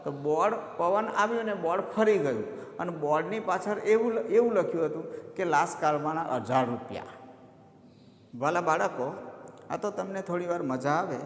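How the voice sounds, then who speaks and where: A man teaching a lesson to students, telling a funny story and then explaining the lesson step by step with lots of repetition. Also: fairly high pitch. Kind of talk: classroom lesson with humorous story. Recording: echoey room with long reverb.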